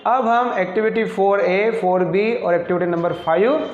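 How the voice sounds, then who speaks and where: A man's voice: sits high, moderate pace. A male teacher giving a classroom lesson, who asks a question and then answers it himself. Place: classroom with a board. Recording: echoey, dull lo-fi room sound.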